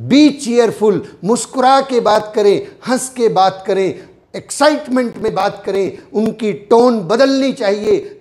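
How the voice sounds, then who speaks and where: A man's voice: sits high, darkish tone. A man giving a motivational network marketing training talk, emphatic and repeating his key points as refrains.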